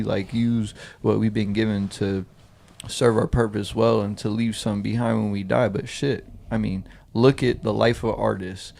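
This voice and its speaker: A man's voice: lowish voice, gravelly, noisy background. A man in his late twenties co-hosting a podcast, talking in a reflective, rambling way with many restarts. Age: 20s. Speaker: podcast co-host. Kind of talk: casual chat.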